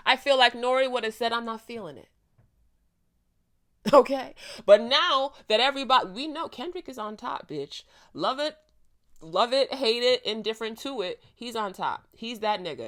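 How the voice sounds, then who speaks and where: A woman's voice: a little high, fairly bright tone. A woman hosts a reaction video, delivering blunt, profanity-heavy commentary. She talks emphatically in a casual, heated rant.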